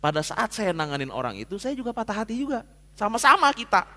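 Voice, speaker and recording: A male pastor preaches in a church hall, his fairly high voice rising and falling with animated swings. He tells a story in casual slang, now hushed, now loud, and long reverb trails each phrase. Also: fast. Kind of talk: sermon.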